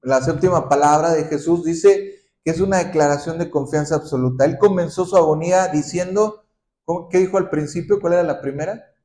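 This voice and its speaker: Dark-voiced man preaching in echoing hall. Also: fairly high pitch, a little fast. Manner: asks the congregation questions, ends points with "¿sí?". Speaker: pastor. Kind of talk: sermon.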